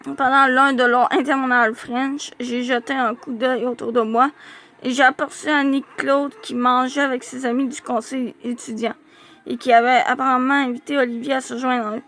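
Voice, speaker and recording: A woman reading a diary-style youth novel aloud, with lively, expressive storytelling and small slips. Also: high-pitched, moderate pace.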